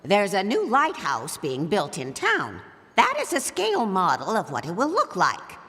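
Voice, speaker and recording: A surly, prim librarian for a cartoon adventure game. She speaks slowly and officiously in a forceful, very animated voice, hushing as she goes, with long echoing reverb around every word. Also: medium pitch, heavily acted. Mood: matter-of-fact. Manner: hushing, clipped, officious, drawn-out emphasis. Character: stern, prim, surly female town librarian.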